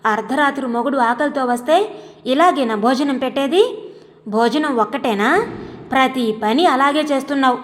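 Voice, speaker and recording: Woman reading as a scolding young husband, sarcastic, angry, loud, high voice, long ringing reverb, audio storybook. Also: normal speed, close to an everyday voice.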